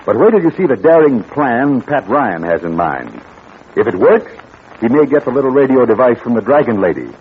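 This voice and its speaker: A man's voice: mid-range voice, sing-song, fairly quick. A male announcer wrapping up and teasing the next episode of a radio serial in a chummy manner, heard as an old radio show. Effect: old radio show sound. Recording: tinny old radio broadcast with faint hiss.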